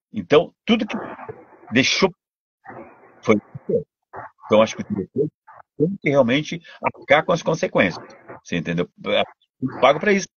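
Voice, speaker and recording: An older man with a Brazilian Portuguese accent, a voice actor and dubbing director telling stories in a casual interview, animated and full of restarts. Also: on the high side, slightly rough, no echo, lo-fi sound. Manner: animated storytelling, many restarts.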